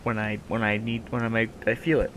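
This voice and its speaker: A streamer with a nasal, lowish voice rambles playfully to his viewers on camera, talking a little fast in a level tone. He swears now and then, and there's noise in the background.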